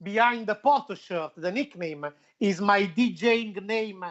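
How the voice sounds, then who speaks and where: A man's voice: high-pitched, measured pace, fairly bright tone. Playful man with a foreign accent, muffled audio. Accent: foreign, non-native English. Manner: playful, emphatic repetition. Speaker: football show presenter. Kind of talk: casual chat.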